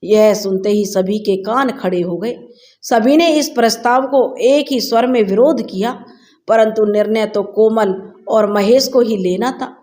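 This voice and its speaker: A woman storyteller reading a family drama aloud in a steady storybook narration. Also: mid-range voice, unhurried.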